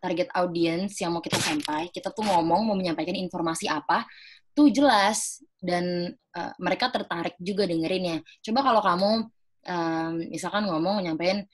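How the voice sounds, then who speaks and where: Chatty young woman, low voice. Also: moderate pace. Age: young adult. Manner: chatty, many fillers, acts out example phrases. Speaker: speaker at a student organization webinar. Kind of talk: casual explanatory talk.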